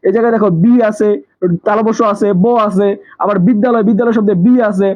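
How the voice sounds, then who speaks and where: A man's voice: sits high, little pitch movement, fast, a little mellow, low-quality recording. A man teaching a live online exam-prep class, repeating key points and asking questions that he answers himself. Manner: repetitive, asks questions and answers them himself.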